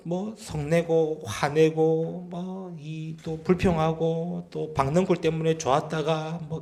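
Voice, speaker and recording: A man's voice: fairly high pitch, a little mellow. A man preaching a Sunday sermon in a church, reading scripture aloud and asking the congregation questions. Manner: chuckles to himself now and then. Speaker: pastor. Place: church sanctuary.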